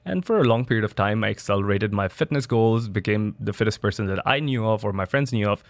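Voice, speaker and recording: Speaking fast and with animation, a studio guest from Dubai who works as a biohacking entrepreneur fields interview questions in a relaxed, chatty way, restarting and using fillers. His voice is lowish and the recording is dry.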